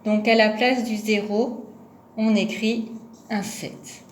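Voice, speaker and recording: Here a kindergarten teacher's fairly high voice stays fairly even in intonation as she slowly teaches young children at home. Patiently, she voices each syllable and number. The recording has an echoey room and faint background noise.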